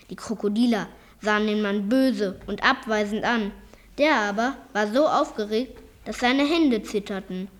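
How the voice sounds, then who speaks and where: A woman presenting a children's book and reading passages from it aloud in a lively, expressive way. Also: mid-range voice.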